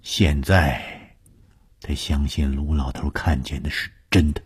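A man narrating a horror audiobook slowly, building suspense. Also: rumbling low, steady tone, breathy edge. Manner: slow, suspenseful storytelling. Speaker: storyteller.

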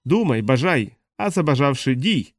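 A man voicing a boisterous winged vampire uncle who talks loudly, as if on an opera stage. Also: medium pitch, very animated, moderate pace, no echo, clean studio sound, close to an everyday voice. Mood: exuberant. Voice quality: loud, operatic.

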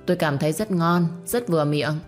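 A woman's voice: deep voice, a little fast, soft background music, close to an everyday voice. A woman voicing a young man, the master of the house, who speaks coldly and curtly. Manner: cold, curt, calm. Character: young male master of the house, cold and curt.

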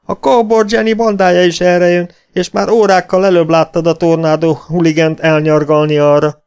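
Man voicing outlaw, shouting, high strained voice, audiobook. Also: flat delivery, clear, resonant tone. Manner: shouting, raised high and loud. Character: loud quarrelsome male outlaw.

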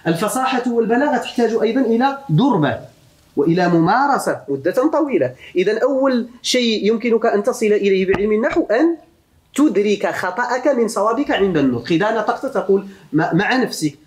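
Animated Moroccan male sheikh lecturing. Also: high-pitched, quick pace, roomy sound. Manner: animated, questions the students, mixes classical Arabic with dialect. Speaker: religious teacher of Arabic grammar. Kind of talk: classroom lecture.

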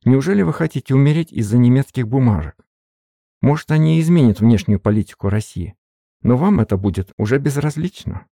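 A man's voice: lowish voice, lively intonation, brisk, vocal fry, dark tone, no echo, clean studio sound. A man reading a cold, defiant young woman in an audiobook, with clipped lines raised above his own voice. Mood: threatening.

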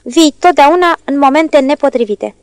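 A woman's voice: high voice, no room sound, studio quality, natural voice. A woman reading as a stern condescending lawyer. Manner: curt, condescending. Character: stern contemptuous older male lawyer.

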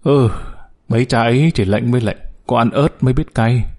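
A man's voice: medium pitch, fairly quick, darkish tone, lightly acted. A man voicing a blunt, street-hardened young mother who talks in a coarse, scornful way. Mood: bitter.

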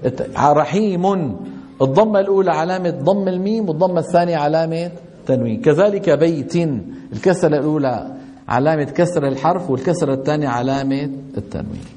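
Teaching tajweed, a middle-aged man frequently poses questions to his students only to answer them himself. He is a Quran recitation teacher whose fairly high voice has a dark tone.

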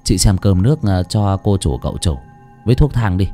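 A blunt young servant lad talks in a lower, offhand voice, as a male storyteller acts him out. His tone is dark and plain, a storybook farmhand who scoffs at others. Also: expressive, moderate pace, faint music behind. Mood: mocking then practical.

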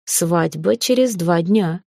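A woman reading an audiobook, voicing a sly, calm middle-aged father who talks slowly and without hurry. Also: mid-range voice, no room sound, clean studio sound, close to an everyday voice.

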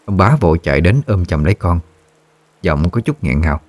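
Deep-voiced man narrating a horror story. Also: lively intonation. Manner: measured, somber storytelling.

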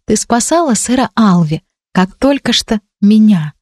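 A woman voicing a gentle, earnest young girl in an audiobook, speaking soft and high. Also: expressive, measured pace, dry recording, studio quality.

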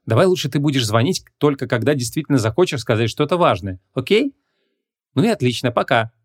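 A man's voice: mid-range voice, big pitch swings, fairly quick. A man doing a perky young policewoman. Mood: lively.

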